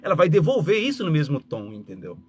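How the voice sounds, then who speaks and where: Male mentor, motivational live talk, bouncy and expressive, on the high side. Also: quick pace, slight background noise. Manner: animated, acts out little dialogues, speaks straight to listeners. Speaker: communication mentor and speaker.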